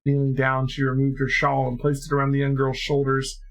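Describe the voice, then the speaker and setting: A man streaming a game who reads a story aloud in a steady, measured way. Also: mid-range voice, rough recording.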